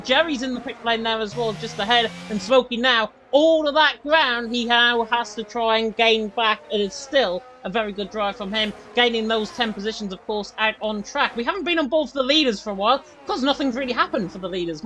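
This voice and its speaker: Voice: high-pitched, pushed and bright. A motorsport commentator giving urgent, running play-by-play of an esports race live.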